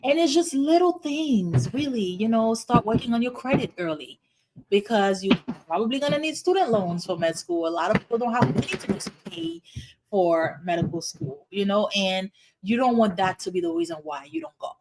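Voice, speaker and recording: A middle-aged Haitian woman, an internal medicine hospitalist appearing as a guest, answers interview questions earnestly and explains things with many "you know"s. Her fairly high voice is sing-song and darkish, at normal speed, with slight background noise.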